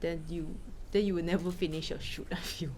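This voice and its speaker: A woman from Malaysia, a film director, answering questions in a casual talk with quick anecdotes and frequent laughs. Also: fairly low pitch, fairly even intonation, a little mellow, a little hiss or hum. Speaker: film director giving a masterclass.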